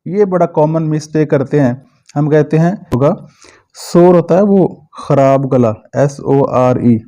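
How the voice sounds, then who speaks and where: Male pronunciation tutor, high-ish mellow voice, very slow drawn-out drills. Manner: repeats and stretches vowel sounds, corrects common mistakes. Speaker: English pronunciation teacher.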